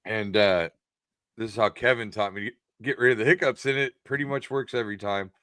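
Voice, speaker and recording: A man's voice: lowish voice, brisk, a bit bright, no echo. A man co-hosting a podcast in a studio, explaining things in a laid-back way with crude humor. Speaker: podcast co-host. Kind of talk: casual chat.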